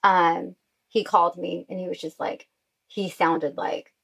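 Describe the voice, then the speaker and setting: A woman's voice: fairly low pitch, level tone, measured pace, gravelly, a bit bright, slightly rough, low-quality recording. A woman guest telling her own story in a casual interview, with an emotional delivery and many fillers. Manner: emotional, uses "like" often.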